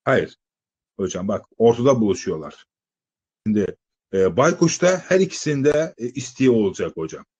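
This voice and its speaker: Husky male teacher quizzing his class. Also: fairly low pitch, sing-song, normal speed, a little mellow, dull audio. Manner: asks students rhetorical questions, many "e" fillers. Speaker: exam-prep teacher. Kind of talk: live lecture to students.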